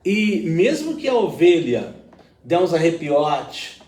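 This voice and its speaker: A man's voice: on the high side, very animated, slow, darkish tone, reverberant, far from the mic. A man, a pastor, talking through a Bible reflection in an earnest, explanatory way with everyday examples.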